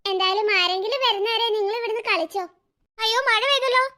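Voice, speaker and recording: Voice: very high-pitched, fast, bright, forceful tone. A performer voicing an anxious, protective cartoon mother of small children, fussing over them.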